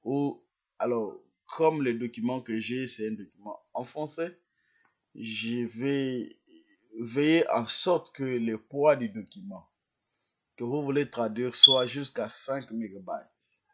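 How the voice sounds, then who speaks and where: A man explaining a software tutorial step by step. He restarts and repeats words as he clicks through a screen demonstration. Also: medium pitch, slow pace, breathy edge, lo-fi sound.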